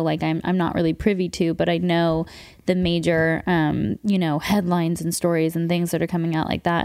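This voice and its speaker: A woman's voice: lowish voice, gravelly, darkish tone, no echo, studio quality. A young woman hosting a podcast, chatting casually with many fillers and restarts and laughing often. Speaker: podcast host. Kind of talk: casual interview chat.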